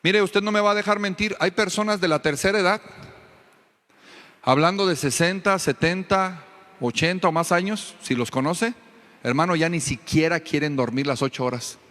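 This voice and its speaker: A pastor preaches with a high, ringing and bright voice, pressing hard and confronting his listeners. He keeps drawing answers from the congregation, and his words carry a long reverb through a church hall. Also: moderate pace. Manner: emphatic, confrontational preaching with call-and-response to the congregation. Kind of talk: sermon. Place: church sanctuary.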